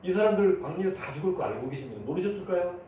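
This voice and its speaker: A man's voice: high-pitched, lively intonation, racing, mellow, far from the mic, a little hiss or hum. A man preaching a sermon as a pastor, talking conversationally and acting out the voices he quotes. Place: church sanctuary. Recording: echoey room, voice from afar.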